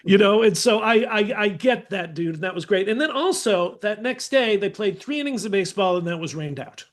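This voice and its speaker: A high-voiced, middle-aged man, a podcast guest, talks a little fast as he tells casual stories in a loose, unscripted, animated style. He repeatedly slips into small voices for the people in his anecdotes.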